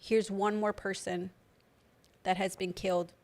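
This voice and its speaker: Young woman chatting on a podcast, slight lisp from aligners, says like a lot, middle pitch. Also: flat delivery, measured pace, a little mellow. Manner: chatty, lots of "like" fillers. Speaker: podcast co-host. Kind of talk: casual chat.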